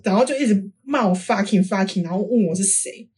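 A young woman from Taiwan, co-hosting a podcast and telling stories in a casual, animated way, acting out the quoted lines. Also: mid-range voice, fairly quick. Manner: animated, acts out quoted dialogue. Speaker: podcast co-host. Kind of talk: casual storytelling chat.

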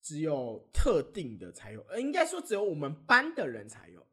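A young man, co-hosting a podcast and telling stories in casual, animated chat. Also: a little high, normal speed. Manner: animated storytelling, often laughing. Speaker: podcast co-host.

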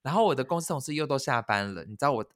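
A man, co-hosting a podcast and telling a story in animated, casual chat that is sprinkled with swearing. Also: mid-range voice, very fast. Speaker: podcast co-host.

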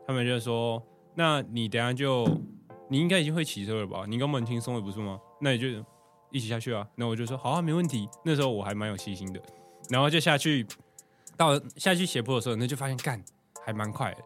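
A young podcast co-host with a Taiwanese Mandarin accent tells a story in casual chat, animated and laughing often as he acts out what people said. His voice is mid-range.

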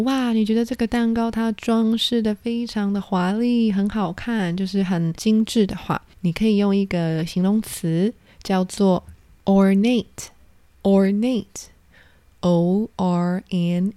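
A woman's voice: medium pitch, dark tone, no room sound. A woman teaching English vocabulary, patiently spelling out each word letter by letter. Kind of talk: spoken vocabulary lesson.

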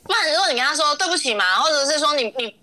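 A woman co-host chats on a podcast, her voice bright and forceful and pitched a little high. She is playful and laughs often, acting out little scoldings as she talks. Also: expressive, racing. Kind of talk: casual chat.

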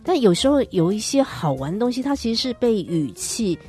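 A woman's voice: a little high, big pitch swings, brisk, a little mellow, soft background music. A woman from Taiwan hosting a podcast interview, asking questions casually and giving many short affirmations. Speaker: podcast host.

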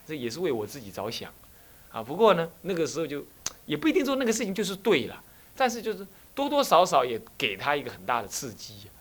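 This dharma talk comes from a Buddhist abbot with a Taiwanese Mandarin accent whose fairly high voice rushes along quickly. He's an animated storyteller who leans heavily on rhetorical questions.

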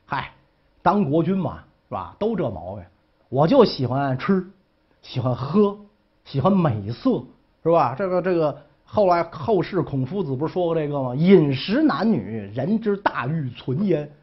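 A man's voice: a little high, big pitch swings, moderate pace, slightly rough, highs cut off. A man voicing an indulgent, frank ancient duke with a chatty, drawling manner. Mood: candid. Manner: chatty, drawling, says 是吧 a lot.

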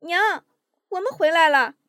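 A woman voicing an impulsive young woman who breaks in with loud, eager interjections. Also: low-pitched, very animated, measured pace, slightly rough, no echo, studio quality, voice pushed down, heavily acted. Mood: eager, urgent.

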